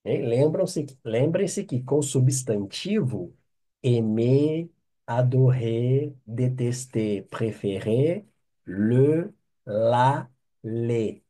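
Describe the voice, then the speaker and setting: A man's voice: mid-range voice, lively intonation, extremely slow, mellow. A Brazilian man with a Brazilian Portuguese accent teaching an online French lesson, patiently drilling phrases and checking with "ok?".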